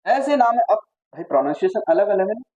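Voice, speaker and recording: A man teaching physics to a class in a relaxed, mellow voice, firing questions at his students and drifting into jokes between points. The recording sounds slightly dull and muffled. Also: sits high, quick pace. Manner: chatty, asks the class questions, jokes and digresses. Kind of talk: classroom lecture.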